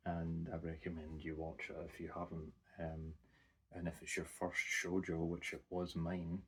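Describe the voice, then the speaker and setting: A man's voice: low voice, slightly rough. A young man rambling casually through an unscripted anime review, swearing freely and restarting his sentences. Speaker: anime vlogger.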